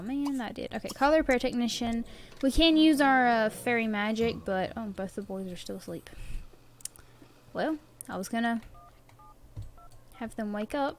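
A woman's voice: on the high side, slight background noise. Chatty Southern woman commentating a game. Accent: Southern American. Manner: chatty, coaxing, talks to game characters. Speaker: gameplay commentator. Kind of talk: casual let's-play commentary.

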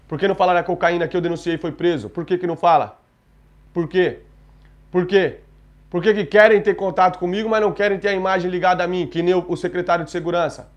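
A man with a Brazilian accent ranting indignantly to viewers on a live stream, repeating himself and building to loud outbursts. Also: high voice, steady tone, fast talker, highs cut off. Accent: Brazilian Portuguese. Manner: indignant, repetitive, rising to shouting.

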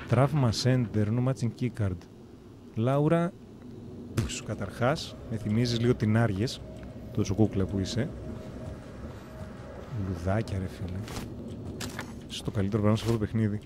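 A man's voice: lowish voice, long pauses, noisy background. A man streaming a game live, joking and talking to himself and the game as he plays. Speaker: gameplay streamer. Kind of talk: live gameplay commentary. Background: game music.

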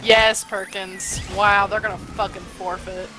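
A woman's voice: mid-range voice, level tone, sharp tone, soft background music. A woman chatting casually while gaming with friends, sounding tired and giggling often. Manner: tired, giggly, drawn-out speech. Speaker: gamer.

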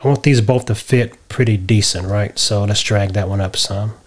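A middle-aged man explaining a software tutorial step by step from a home office, often checking in with "right?". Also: lowish voice, moderate pace. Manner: relaxed step-by-step explaining, tags lines with "right?". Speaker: tutorial host. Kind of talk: screen-share software tutorial.

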